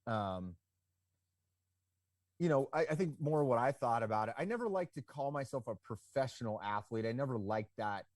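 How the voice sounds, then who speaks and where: Speaking at a normal pace in a mid-range voice, a roughly forty-year-old man who owns a ski business rambles through his story as a podcast interview guest. His speech is loose and relaxed, full of "you know" and "like," captured in a dry, clean studio recording.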